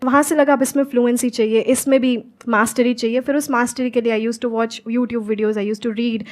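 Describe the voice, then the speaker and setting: Young woman, high clear voice, mixes with fluent English, on stage before an audience. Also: steady tone, normal speed. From Haryana, India. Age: young adult. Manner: switches easily between Hindi and fluent English. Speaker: guest, English teacher. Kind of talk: stage interview in Hindi-English.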